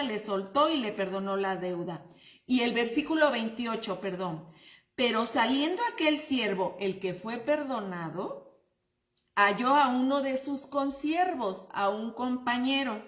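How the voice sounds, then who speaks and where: Slow, echoey woman teaching scripture. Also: a little high. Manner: explains scripture slowly, asking listeners to notice details. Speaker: Bible study teacher. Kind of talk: women's Bible study teaching. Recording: echoey room.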